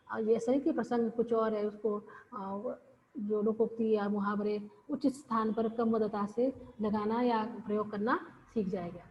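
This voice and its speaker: A woman giving a classroom lecture, explaining slowly and repeating phrases with pauses. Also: mid-range voice, a little hiss or hum. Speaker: teacher. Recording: dull lo-fi audio with long reverb.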